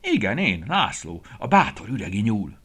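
A man's voice: fairly low pitch, wildly swooping pitch, a bit bright, breathy edge, heavily acted. A man voicing a boastful, brave little male rabbit in a children's story, talking in a cocky, sing-song way.

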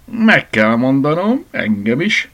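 A man voicing a fussy, excitable older woman who owns a cat, reading a storybook. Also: fairly low pitch, husky, voice pushed up, exaggerated voice. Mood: polite.

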